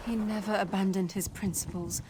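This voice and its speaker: A woman playing a tender, grieving daughter in a video game, speaking in a plaintive, halting, emotional way. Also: medium pitch, fairly even intonation, a little mellow, a little hiss or hum, close to an everyday voice. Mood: mournful. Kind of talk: video game character acting.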